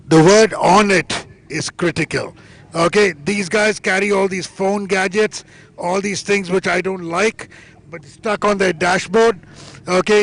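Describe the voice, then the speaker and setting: A man's voice: sits high, poor audio. A man working as a grid interviewer outdoors before a race, chatty and off the cuff, repeating himself and often tagging on "okay". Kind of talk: live pre-race interview, casual and off the cuff.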